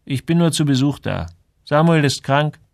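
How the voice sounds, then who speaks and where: A man voicing an earnest, quick-tempered young sailor visiting home, in an audiobook. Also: on the high side, lively intonation, creaky, no echo, clean studio sound, voice pushed up. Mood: annoyed. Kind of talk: audiobook character voice.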